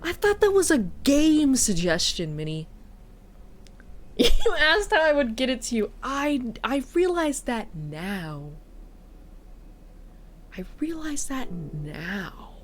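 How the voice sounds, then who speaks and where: Sing-song and high, a woman's voice moves slowly with long pauses while she chats casually on her stream. A streamer and teacher with a stuffy, sniffly nose, she's chatty, curses, and makes jokes at her own expense.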